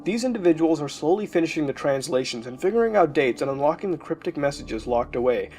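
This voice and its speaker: A man's voice: fairly high pitch, expressive, quick pace, darkish tone, soft background music. A man casually narrating a creepy internet story for a video, with the occasional filler as he goes. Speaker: YouTube narrator.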